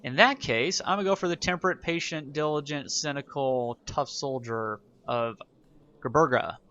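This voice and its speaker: A gaming YouTuber gives casual, wry let's-play commentary while playing a strategy game, thinking aloud as he goes. His voice is on the high side, pushed and bright, at a moderate pace, with lo-fi sound.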